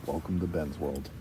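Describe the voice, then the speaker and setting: A man's voice: rumbling low, background noise. A man hosting a casual car vlog, chatting upbeat about the cars in his workshop. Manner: upbeat, chatty commentary while showing cars. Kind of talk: casual garage vlog narration.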